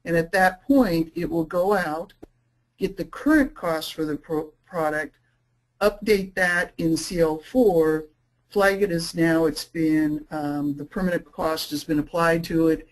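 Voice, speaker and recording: A woman presenting a software webinar, explaining features casually with frequent fillers and restarts. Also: low-pitched, steady tone, low-quality recording. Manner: says she is talking too fast. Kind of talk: screen-share product demo.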